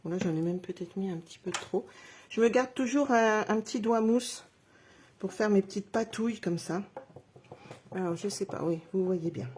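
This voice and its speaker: A woman's voice: mid-range voice, normal speed, darkish tone, slight background noise. A middle-aged woman giving a live craft demonstration, chatting through each step and talking straight to her viewers. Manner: chatty, narrates each step while working; addresses viewers directly, self-encouraging.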